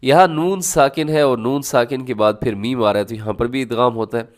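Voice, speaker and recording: A man teaching tajweed, explaining each rule and then sounding out words slowly and loudly, often asking the class rhetorical questions. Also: mid-range voice, steady tone. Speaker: Quran recitation teacher. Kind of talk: tajweed lesson.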